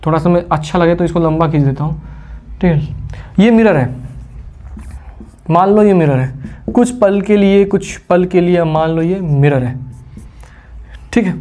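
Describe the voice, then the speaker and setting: Giving a physics lecture to a class, a man with a high-pitched, dark-toned voice speaks at a measured pace and pauses often. He mixes in English terms, jokes with imagined students, repeats key terms and quizzes them.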